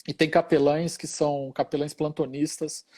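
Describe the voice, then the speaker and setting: Husky-voiced Brazilian man telling a story. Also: a little high, little pitch movement, normal speed, darkish tone. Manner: easygoing, tag questions after many phrases. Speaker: hospital chaplain. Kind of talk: storytelling in a casual conversation.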